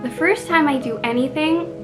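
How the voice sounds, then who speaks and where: A woman's voice: sits high, normal speed, poor audio. Chatty Canadian woman vlogging, music behind. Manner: chatty, self-deprecating, lots of "like". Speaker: book vlogger. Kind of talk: casual chat to camera.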